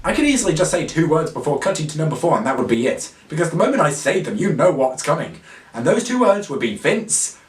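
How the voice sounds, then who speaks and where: A man's voice: fairly high pitch, sing-song, quick pace. A man ranting sarcastically through a countdown of bad films, exasperated and swearing. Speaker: film reviewer. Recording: echoey room, distant mic.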